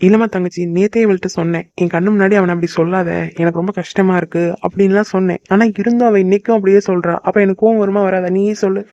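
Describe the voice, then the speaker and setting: Mellow, quick cartoon boyfriend voiced by a man. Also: high-pitched, steady tone. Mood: defensive. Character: young man boyfriend, possessive but tender. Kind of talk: cartoon voice acting. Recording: dull lo-fi dry recording.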